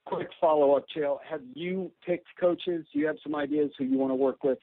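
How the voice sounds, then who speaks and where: A man's voice: fairly high pitch, sing-song, a little fast, gravelly, dry recording. A man working as a reporter, putting short follow-up questions on a telephone press call. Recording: tinny phone line, dry.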